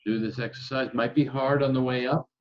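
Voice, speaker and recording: A man leading a breathing lesson over a video call, calmly counting the breaths aloud. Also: medium pitch, highs cut off. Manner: calm, counting aloud slowly. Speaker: breathing instructor. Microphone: video call microphone.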